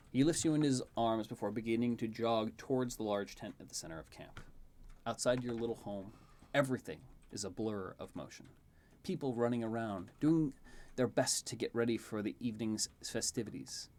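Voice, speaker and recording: A man's voice: mid-range voice, moderate pace, a little mellow. A man narrating a tabletop fantasy game as game master.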